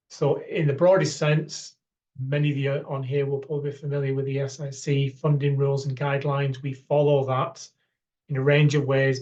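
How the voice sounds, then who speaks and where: A man, an academic, presents a funding round in an online information session, talking haltingly with many fillers and repeated words. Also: mid-range voice, a little mellow, lo-fi sound.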